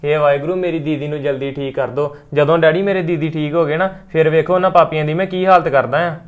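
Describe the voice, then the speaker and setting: A man's voice: fairly high pitch, steady tone, quick pace, phone-quality sound, close to an everyday voice. An actor playing a caring young brother who coaxes his sister to take her medicine. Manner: coaxing, caring.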